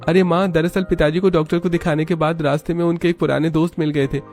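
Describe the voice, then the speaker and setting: A man's voice: on the high side, level tone, quick pace, darkish tone, faint music behind, pitched above the performer's own voice, lightly acted. A man voicing an emotional young husband from a rich family, talking passionately. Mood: explaining. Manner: emotional, impassioned.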